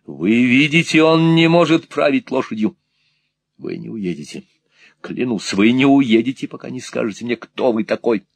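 A man voicing an indignant, hot-headed young gentleman in an audiobook, speaking with fierce defiance. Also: mid-range voice, moderate pace, creaky, breathy edge, no room sound, pitched above the performer's own voice. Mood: furious. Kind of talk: audiobook character voice.

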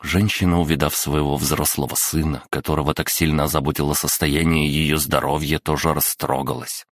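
A male audiobook narrator with an extremely deep voice tells the story steadily and expressively. The recording is close and dry. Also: flat delivery, a little fast, dry recording. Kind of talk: scripted narration.

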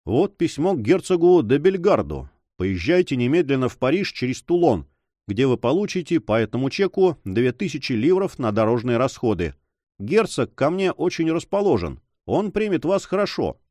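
A man's voice: medium pitch, no echo, natural voice. A man reading as a cool scheming count. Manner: calm, measured, commanding. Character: scheming male count, a cool, confident prisoner.

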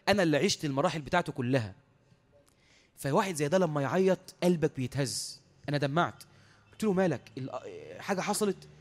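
Man, Egyptian accent, preacher, sermon, very fast delivery, high-pitched, emotional storytelling. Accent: Egyptian Arabic. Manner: impassioned exhortation.

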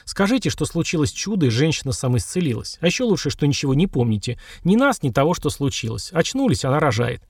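A male narrator voicing a calm, serious male wizard healer who gives terse orders. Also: a little high, fast talker, few pauses, slightly rough, dry recording, clean studio sound, heavily acted.

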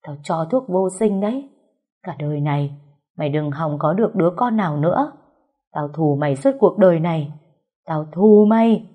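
A woman voicing a bitter, vengeful woman rival who speaks spitefully and sometimes haltingly. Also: deep voice, expressive, slightly rough, narrow, tinny audio. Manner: spiteful, then remorseful and halting.

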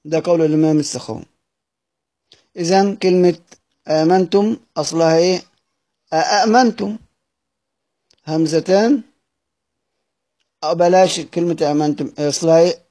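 A man with an Egyptian Arabic accent gives a patient lesson, his voice slightly high and soft in tone. He slows down to repeat words sound by sound and poses his own questions before answering them. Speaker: teacher of Quranic readings. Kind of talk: explanatory lesson.

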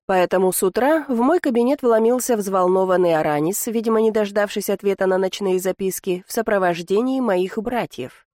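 A woman narrating a first-person audiobook in a wry, ironic tone, her voice in an even middle register. The sound is dry and close, with no room around it. She tells the story with lively, knowing asides. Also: medium pitch, fairly quick, no echo.

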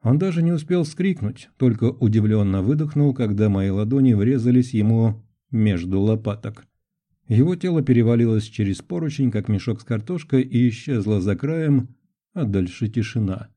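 A man reading an adventure audiobook in first person, with measured, tense storytelling. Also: medium pitch, expressive, warm tone. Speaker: audiobook narrator. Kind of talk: scripted first-person narration.

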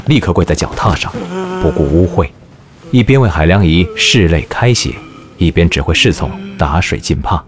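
Low guy narrating a historical audio drama, scripted storytelling, faint music under it.

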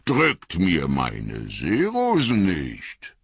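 Man acting out a merry old man, booming, sing-song, husky and gravelly, slow and drawn-out. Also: wildly swooping pitch, dry recording, highs cut off, full character voice. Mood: jolly, booming. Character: jolly old man, loud and bouncy.

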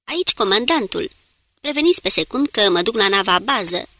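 A woman voicing a calm male submarine commander who gives steady orders in an audiobook. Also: medium pitch, dry recording.

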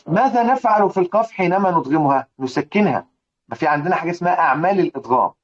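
Talking very fast with lively intonation, a fairly high-voiced man with an Egyptian accent explains a poem on recitation rules in a religious lesson, heard through lo-fi sound. Repeated rhetorical questions are his way of drilling the students.

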